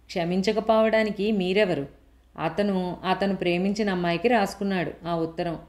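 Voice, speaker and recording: A woman's voice: medium pitch, steady tone, moderate pace, darkish tone, natural voice. A woman voicing a bold older housewife who scolds and mocks bluntly. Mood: scolding.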